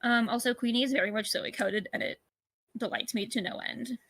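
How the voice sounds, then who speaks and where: A woman's voice: fairly high pitch, a little fast, fairly bright tone, slightly rough. A woman chatting and telling stories casually during a gaming stream, swearing now and then. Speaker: streamer co-player.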